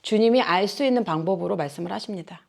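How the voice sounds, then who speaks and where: Woman preacher, chatty and animated, keeps asking the congregation questions. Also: medium pitch, fast talker, vocal fry. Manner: lively, questioning the audience, plain speech. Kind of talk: casual sermon to children and youth.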